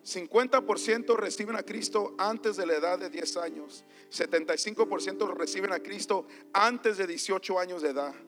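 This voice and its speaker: A man preaching a sermon as a pastor, switching between Spanish and English and calling out to the congregation, quiet one moment and shouting the next. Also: high voice, moderate pace, few pauses, music in the background. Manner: swings from quiet to loud, shouting at peaks. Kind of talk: bilingual sermon. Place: church.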